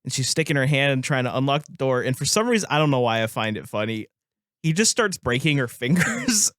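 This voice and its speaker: Very animated and fairly quick, this medium-pitched podcast co-host talks about a film in a loose, casual way, his tone a bit bright. He laughs a lot and performs lines in put-on voices, recorded in studio quality without echo.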